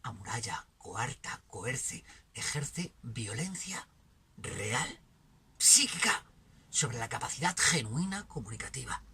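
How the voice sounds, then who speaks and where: A man with a Spanish accent from Spain, delivering a philosophical monologue that swings from emphatic bursts to hushed near-whispers. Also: medium pitch, very animated, takes it slowly, husky. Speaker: channel host.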